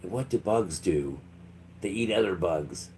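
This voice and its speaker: A man's voice: deep voice, lively intonation, unhurried, a little mellow, a little hiss or hum. A man hosting a live stream, rambling in a loose monologue and acting out quotes in mock voices. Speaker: livestream host.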